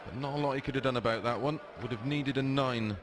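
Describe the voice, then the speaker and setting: A man's voice: medium pitch, fast. A man giving conversational live darts analysis as co-commentator, with a noisy crowd behind him. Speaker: co-commentator and former darts player.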